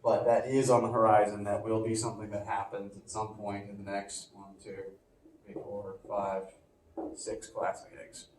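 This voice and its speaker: This physics professor has a lowish voice and speaks at a normal speed, lecturing his class informally while sniffling from allergies. He is relaxed and chatty, often using fillers and starting over. A phone across the echoey room captured him, with slight hiss or hum.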